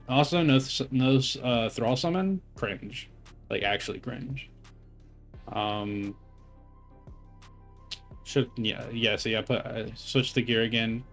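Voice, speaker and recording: A young man casually commenting on his own gameplay footage, rambling and cursing, with lots of filler words, self-corrections and a slightly phlegmy throat. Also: fairly low pitch. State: phlegmy, clearing his throat while eating. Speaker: gamer reviewing his own raid footage.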